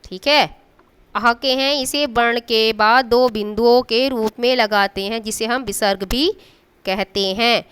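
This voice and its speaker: Woman teacher, a bit high and very clear voice, patient, stretches sounds slowly and keeps checking in with the class. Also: steady tone, fairly bright tone. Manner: patient, draws out sounds to demonstrate them. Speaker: school teacher. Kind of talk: classroom Hindi grammar lesson.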